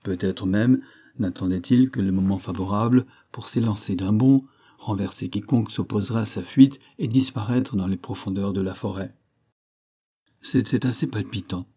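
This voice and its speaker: Dark-voiced man reading a novel aloud. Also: moderate pace, breathy edge. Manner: reads dialogue with raised pitch and force. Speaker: audiobook reader. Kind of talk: scripted narration of a classic novel.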